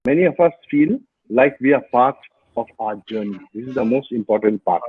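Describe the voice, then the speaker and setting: A man hosting a casual live interview, chatty and teasing, reading out viewer comments with many halting fillers. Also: medium pitch, lively intonation, breathy edge, no echo. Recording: thin phone-like video call line.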